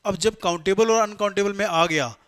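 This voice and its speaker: A man gives a classroom grammar lecture and pitches his voice slightly high. He poses questions to the class and answers them himself, mixing with English terms as he works through each rule. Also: a little fast, fairly bright tone. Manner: explains step by step, asks and answers his own questions; mixes Hindi with English terms. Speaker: English teacher for competitive exams.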